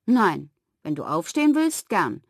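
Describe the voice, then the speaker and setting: A woman voicing a calm, patient father in a children's storybook, explaining things gently. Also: on the low side, a little slow, dry recording, clean studio sound, full character voice.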